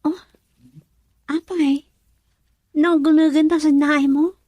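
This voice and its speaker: In an Ilocano radio drama, a woman plays a playful, tender young country girl in love, teasing and expressive with an Ilocano accent. Her voice is high and her pace slow, with no echo.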